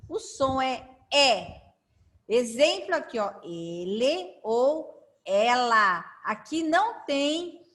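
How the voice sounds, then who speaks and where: Slow, lively Brazilian woman teacher. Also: sits high. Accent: Brazilian Portuguese. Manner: coaxing, drawn-out syllables, frequent check-ins. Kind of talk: slow children's literacy lesson.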